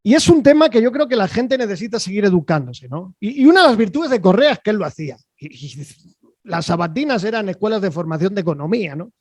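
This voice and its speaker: Chatty high-voiced male host on a call. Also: very animated, fast, a little mellow, no echo. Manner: chatty, rambling, with frequent fillers and "¿vale?" tags. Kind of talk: casual online interview. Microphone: video call.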